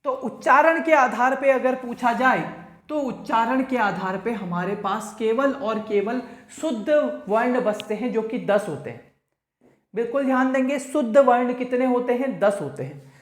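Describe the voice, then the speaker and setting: A man teaching a grammar lesson to exam students. He repeats key points, quizzes the listener, and draws out the vowel sounds he demonstrates. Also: very high-pitched. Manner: drawn-out, stretched vowel demonstrations. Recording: echoey room.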